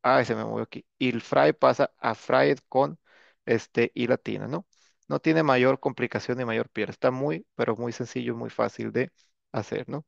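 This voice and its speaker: A man's voice: medium pitch, normal speed, creaky, dry recording. A man teaching an English grammar lesson in a casual classroom manner, often tagging his sentences with a questioning "no". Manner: casual, repeats filler "¿no?" and "este". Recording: dull, lo-fi dry recording.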